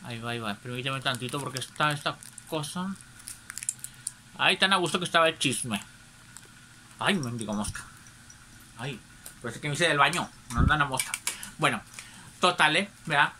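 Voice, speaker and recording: A man's voice: mid-range voice, lively intonation, normal speed, long pauses, background noise. A man with a Mexican accent telling a personal anecdote in a casual, gossipy way, constantly tagging his phrases with little questioning asides. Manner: chatty, tags nearly every phrase with a questioning aside. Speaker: storyteller.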